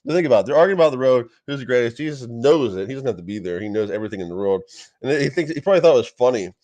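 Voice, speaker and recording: A man's voice: medium pitch, animated, very fast, darkish tone, highs cut off. A man in a casual vlog, rambling through a Bible passage while eating and repeating words. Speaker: vlogger.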